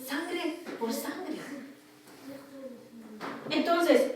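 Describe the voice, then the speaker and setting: Slow high-voiced woman preaching in echoey church. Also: background noise. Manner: earnest preaching with many pauses and fillers. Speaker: pastor. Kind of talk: sermon. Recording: very echoey hall, mic far off.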